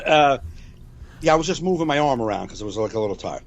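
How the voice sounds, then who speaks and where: A man's voice: medium pitch, expressive, quick pace, lo-fi sound. A man in his forties, a comedian co-hosting a podcast, rambling in casual chat over a video call, repeating himself and swearing freely. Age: 40s.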